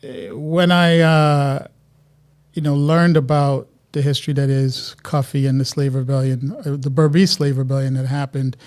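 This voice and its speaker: A man from Guyana, a guest artist telling stories in a relaxed interview chat, often restarting his sentences. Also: on the high side. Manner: reflective, storytelling, many restarts.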